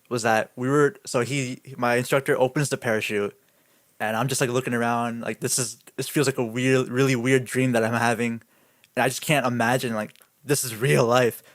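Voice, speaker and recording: A young man co-hosting a podcast and chatting loosely with a friend. He tells his story with many "likes" and breaks into laughs often. His voice is mid-pitched and the recording is close and dry. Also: no room sound. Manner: animated storyteller, laughs often, says "like" a lot. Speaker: podcast co-host. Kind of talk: casual chat.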